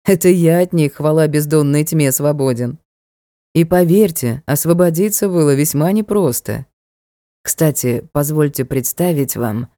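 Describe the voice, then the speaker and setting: A composed, aristocratic dark lord speaks low and unhurried, as a woman narrator lowers her voice for him. His tone is mellow and softly ironic. The storybook reading is dry and close. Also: no echo. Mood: amused. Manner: soft, measured, mildly reproachful.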